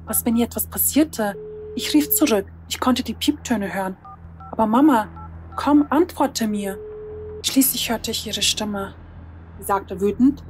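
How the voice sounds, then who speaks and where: A woman's voice: fairly high pitch, a little hiss or hum. A woman narrating a tense first-person story in a dramatic storytelling manner.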